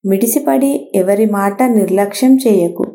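Woman doing the wind from a kids story, preachy and wise, mellow voice. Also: mid-range voice, measured pace, lightly acted. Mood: lecturing. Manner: lecturing, moralizing. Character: wise scolding wind spirit.

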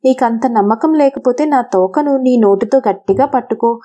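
A woman voicing a clever plump rooster coaxing a wolf, in a slow storybook reading. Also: on the high side, warm tone, natural voice. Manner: sweetly coaxing.

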